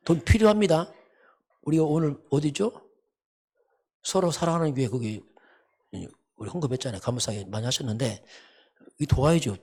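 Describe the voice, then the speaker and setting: A man's voice: on the high side, a little mellow, husky. A man preaching a sermon as pastor, emphatic and repetitive, often asking rhetorical questions. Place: church sanctuary.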